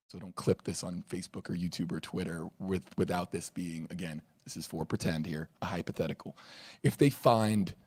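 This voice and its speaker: A man hosting a news livestream, reading viewer comments with a hoarse voice in an earnest way, often repeating words as he restarts. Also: low-pitched, a little mellow, dry recording.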